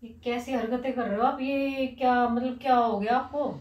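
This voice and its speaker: A woman's voice: on the high side, fairly even intonation, normal speed, darkish tone, reverberant. A woman at home pleading with her husband, worried and uneasy. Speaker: wife in prank vlog. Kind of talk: casual household argument. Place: bedroom at home.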